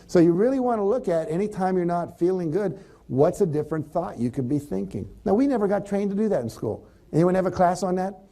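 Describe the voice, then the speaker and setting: Mellow-voiced man giving a motivational talk. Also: high-pitched, brisk, few pauses. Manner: conversational, animated, acts out example thoughts. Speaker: motivational speaker.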